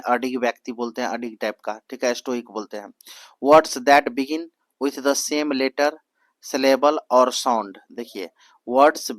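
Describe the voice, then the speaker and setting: A young man leads a coaching lesson at an even middle pitch, asking "what is it called?" and repeating each answer in a drill. He reads the English prompts slowly, word by word. The sound is dry and close, with no room echo. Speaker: exam coaching teacher. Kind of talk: Hindi exam-prep lesson mixed with English.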